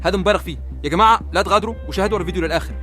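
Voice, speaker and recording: A man's voice: high-pitched, very fast, pushed and bright, faint music behind. A man co-hosting, chatting and speculating about what is happening on screen. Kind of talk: excited video commentary.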